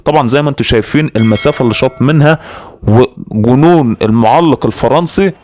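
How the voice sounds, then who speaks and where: A man's voice: mid-range voice, fast, darkish tone, slight background noise. A man with an Egyptian accent hosting an informal sports commentary voice-over about football. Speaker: football video host.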